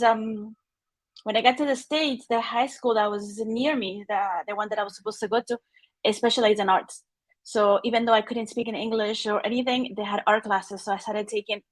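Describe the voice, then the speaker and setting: Chilean woman, halting, many fillers. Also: fairly high pitch, fairly even intonation, dry recording. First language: Spanish. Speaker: NFT artist guest. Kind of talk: casual personal talk. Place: home studio with art on the walls. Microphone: video call.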